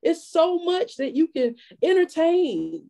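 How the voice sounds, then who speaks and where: A woman preaching a sermon at a church women's fellowship, lively and conversational, drawing call-and-response from the congregation. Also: very high voice, slow pace, creaky, poor audio.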